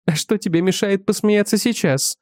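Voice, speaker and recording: A man's voice: sits high, normal speed, no echo, studio quality, pitched above the performer's own voice, lightly acted. A man putting on a sulky, defensive young wife. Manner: pleading, defensive. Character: young adult wife, sleepy then irritated.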